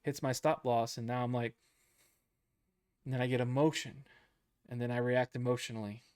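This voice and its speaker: A man casually coaching traders through a book chapter, repeating points and checking in with "okay?" and a goofy, self-deprecating streak. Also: mid-range voice. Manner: chatty, repeats himself, lots of "okay?" and "right?". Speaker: trading coach.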